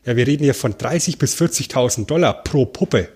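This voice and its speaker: Slightly husky man on a podcast. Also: medium pitch, animated, fairly quick, darkish tone. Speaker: podcast co-host. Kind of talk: casual podcast chat about a film.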